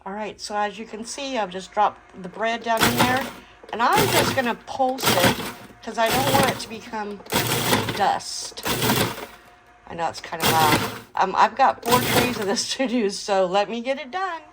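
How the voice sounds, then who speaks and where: A woman's voice: on the high side, measured pace, heavy background noise. A middle-aged woman hosting a home cooking video, chatting casually with lots of fillers and small laughs. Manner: chatty, relaxed, many fillers and little laughs. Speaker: cooking channel host. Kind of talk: casual kitchen vlog narration. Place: home kitchen.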